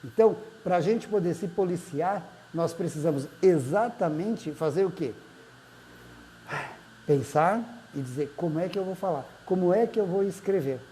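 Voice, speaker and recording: A man's voice: high voice, expressive, moderate pace, warm tone, slight background noise, poor audio. A man, a therapist giving a conversational talk and checking in with listeners by name. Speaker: therapist and speaker. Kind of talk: live-streamed talk greeting viewers.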